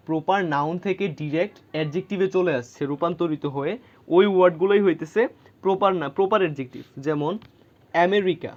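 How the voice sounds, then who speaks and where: Male grammar tutor, slightly high voice, patient explainer; lo-fi recording. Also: darkish tone. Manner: explains patiently, checks in with rhetorical questions. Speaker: English grammar teacher. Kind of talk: explaining grammar lesson to students.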